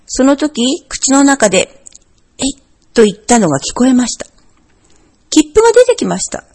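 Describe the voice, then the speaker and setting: A woman narrating a children's storybook in a gentle, expressive read-aloud manner. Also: high voice, normal speed. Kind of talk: storybook reading.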